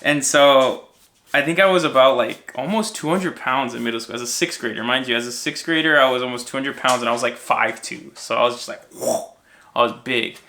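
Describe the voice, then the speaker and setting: Sharp in tone and a little fast, his mid-range voice carries casual, rambling, self-deprecating stories about his own life. He's a young American from Minnesota, sharing his story as a podcast guest and co-host.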